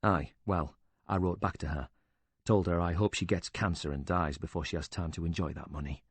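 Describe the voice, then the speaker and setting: A man voices a bitter, short-tempered older widower who defends himself with indignant sarcasm and curses. His voice is low and husky, close and dry with no room or echo, at a steady tone and normal speed.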